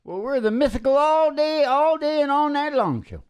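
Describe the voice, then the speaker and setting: In a small, dim indoor room with wood panelling on the wall, an older man hosting a radio music show banters in a wry, joking, rambling way, often chuckling, right up at a stand microphone. His very high voice swings a lot in pitch at a moderate pace, and the highs in the audio are cut off.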